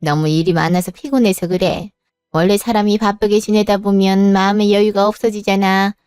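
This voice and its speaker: A woman playing a brisk, caring older mother-in-law in a spoken story, firm and scolding yet reassuring. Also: mid-range voice, fairly even intonation, a little mellow, clear, resonant tone, dry recording, faint music behind, close to an everyday voice.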